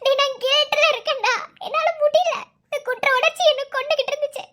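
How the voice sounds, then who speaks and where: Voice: extremely high pitch, fairly even intonation, fast, pushed and bright. A performer voicing a guilt-ridden young mother in a cartoon, pleading and sobbing on the phone. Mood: distraught. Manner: pleading, sobbing and repeating his name. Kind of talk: cartoon voice acting.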